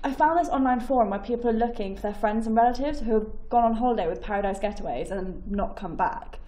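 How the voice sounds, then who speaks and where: A woman's voice: fairly high pitch, fast talker, warm tone, natural voice, rough recording. A woman in her twenties acting an anxious, determined sister confiding in a found-footage video diary. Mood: worried, frustrated. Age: 20s. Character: worried determined young woman searching for missing sister. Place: small room, then outdoors in bare woodland. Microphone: handheld camera at arm's length.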